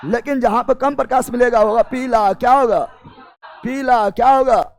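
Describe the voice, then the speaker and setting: A man's voice: very high voice, steady tone, moderate pace, some chatter behind. A man teaching a chemistry class, drilling students with repeated call-and-response questions and often raising his voice.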